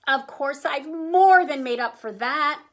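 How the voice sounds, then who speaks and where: A woman's voice: high-pitched, a little slow, pitched above the performer's own voice. A woman voicing a fussy, self-satisfied older Goldilocks from a storybook, bossy and breezily exclaiming. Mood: gushing, smug. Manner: hoity-toity, exclaiming, breezily self-congratulatory.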